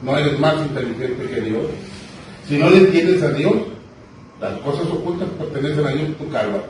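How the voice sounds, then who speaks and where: A man's voice: fairly high pitch, animated, normal speed, darkish tone. A man preaching a sermon, telling the story with emphatic repetitions. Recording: echoey hall, distant mic, noisy.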